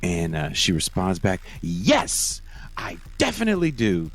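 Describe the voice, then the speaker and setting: A laid-back podcast host from Oakland, California, chats casually in an interview, laughing often and cursing freely. His low voice swoops wildly in pitch, and he takes his time.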